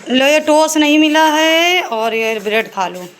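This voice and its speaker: In a laid-back home vlog recorded indoors on her phone, a mother talks to viewers as "guys" while keeping an eye on her kids. Her high-pitched voice has lively intonation at a measured pace, with slight background noise.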